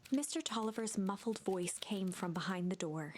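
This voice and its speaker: A woman reading a narrative game's text aloud in an even, measured storytelling manner. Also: medium pitch. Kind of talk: scripted narration of a game aloud.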